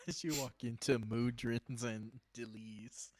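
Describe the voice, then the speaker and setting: A man's voice: mid-range voice, takes it slowly, a little mellow. A man hosting an online tabletop game discussion and narrating as dungeon master in an upbeat, loose way.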